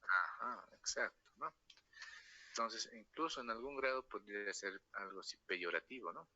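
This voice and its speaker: A man with a La Paz accent delivers a spoken university lecture at normal speed, his fairly low voice bright and forceful despite dull audio. He tags nearly each phrase with a question to the students and tells stories along the way.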